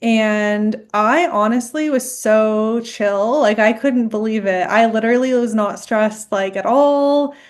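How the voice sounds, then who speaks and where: A woman's voice: a little high, slow pace, few pauses. Chatty young woman, lots of "like". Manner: chatty, reflective, heavy use of "like". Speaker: guest client, first-time competitor. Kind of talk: casual podcast interview.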